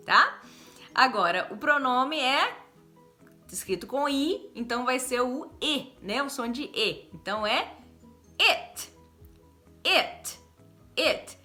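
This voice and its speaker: Animated Brazilian woman teaching English vowels. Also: a little high. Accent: Brazilian Portuguese. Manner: exaggerated, drawn-out demonstration of vowel sounds. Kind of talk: pronunciation lesson.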